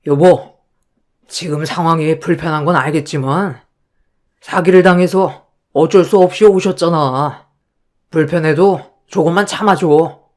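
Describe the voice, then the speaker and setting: A performer voicing a tired husband who tries to calm his wife down in a placating way. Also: mid-range voice, measured pace, close to an everyday voice. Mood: pleading. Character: weary young husband caught in the middle.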